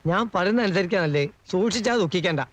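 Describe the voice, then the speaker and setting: An actor playing a fussy, fearful household helper who gossips dramatically, in a comedy film scene. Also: male voice, high-pitched, expressive, fast talker, no echo. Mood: fearful warning. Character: jittery gossiping helper, scared of a lodger. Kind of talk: 1980s film comedy acting.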